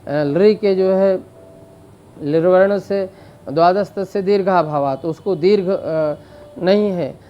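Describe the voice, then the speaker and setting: A man teaching Sanskrit grammar in a slow explanatory lecture, drawing out vowel sounds to demonstrate them, with frequent fillers. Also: high voice, muffled recording. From India.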